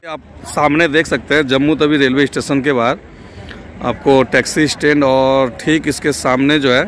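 A man in his thirties, a travel vlogger filming himself at arm's length outdoors at a station and on a moving train, explaining routes and fares to his viewers. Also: medium pitch. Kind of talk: casual travel vlog. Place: outdoors at a railway station and at an open train door. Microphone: camera held at arm's length. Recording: noisy outdoor and train ambience.

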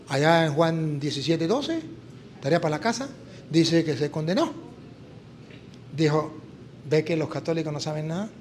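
Animated Latin American priest telling a story. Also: male voice, fairly high pitch, a little hiss or hum. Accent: Latin American Spanish. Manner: animated, acts out dialogue in story. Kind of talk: sermon with storytelling.

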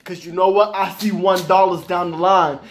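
A man with a high voice rants straight to his viewers in a casual vlog. He talks in loose slang and circles back to the same lines for emphasis, exasperated and animated. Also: normal speed, a little hiss or hum. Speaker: vlogger.

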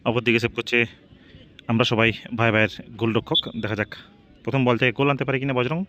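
A man calls a football match at a quick clip. He works as a play-by-play commentator, often repeating names and phrases. His pitch sits in an ordinary middle range for a man. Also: steady tone, a bit bright. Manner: repeats team names and phrases while following each shot. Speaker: football commentator and channel host.

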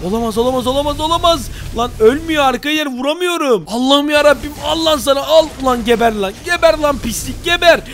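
A young man giving excited, loud gameplay commentary to his viewers, full of exclamations. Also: extremely high pitch, fast talker, hardly any pauses, slight background noise. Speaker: gaming YouTuber.

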